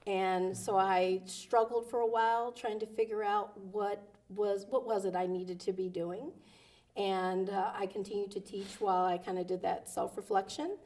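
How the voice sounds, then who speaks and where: A woman's voice: mid-range voice, dark tone. A woman in her forties, a lawyer and interview guest who was raised in Delaware, answering earnestly with many ums and uhs. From Delaware, USA. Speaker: guest, attorney and judicial candidate.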